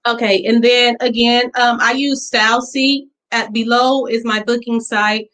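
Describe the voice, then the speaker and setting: A woman presenting a pitch for her hair salon in an earnest, heartfelt way. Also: fairly even intonation, unhurried, a bit bright, low-quality recording. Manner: earnest and emotional, fighting back tears at times. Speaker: business pitch contestant, hair stylist. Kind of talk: virtual business pitch presentation.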